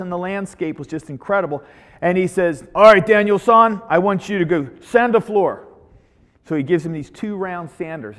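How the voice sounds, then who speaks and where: Higher-voiced man preaching in a reverberant hall. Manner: animated retelling with frequent repeats. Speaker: Bible study teacher. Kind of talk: informal sermon storytelling.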